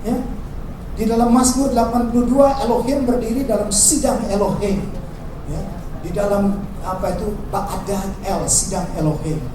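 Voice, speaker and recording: Animated man preaching in echoey hall. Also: high-pitched, moderate pace. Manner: animated preaching, acting out quoted lines in a raised voice. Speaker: pastor. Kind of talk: sermon. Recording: echoey hall, distant mic, background noise.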